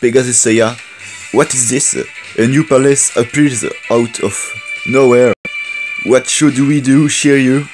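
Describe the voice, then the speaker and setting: A man with a French accent voicing a brash young male hero warrior, reading the game's lines slowly and carefully. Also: medium pitch, steady tone, music in the background, lightly acted. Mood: earnest. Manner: slow, careful reading of game dialogue.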